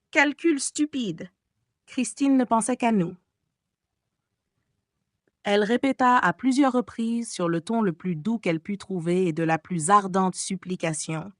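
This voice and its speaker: A woman narrating a classic gothic novel as an audiobook, with expressive storytelling. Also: medium pitch, no room sound, studio quality. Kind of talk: scripted narration.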